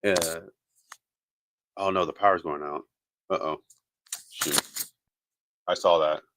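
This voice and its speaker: A man hosting a livestream, reading news articles aloud in a hesitant way, with many fillers and pauses, into his computer's built-in mic. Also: low voice, steady tone, noisy background.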